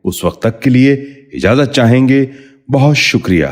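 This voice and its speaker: A middle-aged man reading a formal, scripted pronunciation lesson, saying each word slowly and carefully and repeating it. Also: medium pitch, animated. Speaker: Urdu pronunciation teacher.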